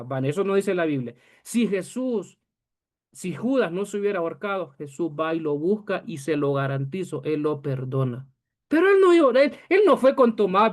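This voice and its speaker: A man with a notably high voice leads his congregation through a church history lesson. He is earnest and direct, speaking to them as beloved brethren. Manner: earnest, addresses listeners as beloved brethren, acts out quoted voices. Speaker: pastor.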